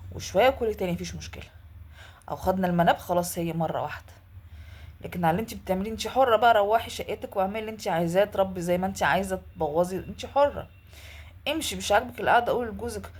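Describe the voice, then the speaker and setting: A woman with an Egyptian Arabic accent talks quickly in a husky voice. She retells a viewer's story and then lectures the viewer bluntly, like a casual advice vlog. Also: mid-range voice, darkish tone.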